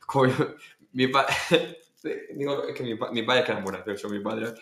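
In an echoey room, a Spanish guest singer with a Murcian accent tells stories in a casual podcast interview. His voice sits at medium pitch with a moderate pace, and he animatedly acts out voices and laughs along the way.

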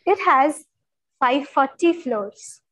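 A woman co-hosting a casual book discussion, retelling chapters in an animated, stuttering way with frequent laughs. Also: sits high, slow pace, no echo, poor audio. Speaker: book club co-host.

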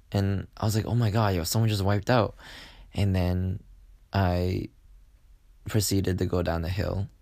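Telling a personal story casually on a podcast, a young man wanders along with plenty of fillers and performs other people's lines. His voice is low with vocal fry and a slightly mellow quality, and there's no echo.

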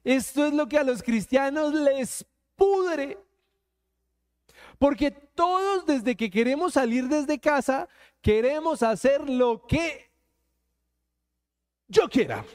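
A man's voice: extremely high pitch, lively intonation, slow pace, long pauses. A man preaching a sermon to his congregation, colloquial and joking as he speaks to them directly. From Colombia. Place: church.

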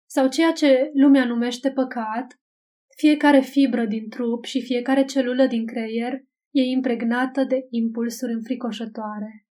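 Mellow-voiced woman narrating a novel. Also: a little high. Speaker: audiobook narrator. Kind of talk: scripted literary narration.

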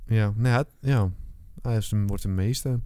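Smooth young man, eager slangy chatter. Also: fairly low pitch, normal speed, mellow, dry recording, studio quality. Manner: enthusiastic, slangy, repeats phrases. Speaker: podcast co-host. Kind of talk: casual chat recapping a TV episode.

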